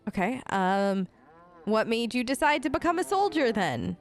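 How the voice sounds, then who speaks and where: With game music underneath, a woman speaks at a moderate pace in a slightly high, very animated voice. She's a gaming host improvising her player character's replies in a role-play let's play, sounding chatty, casual and a bit hesitant.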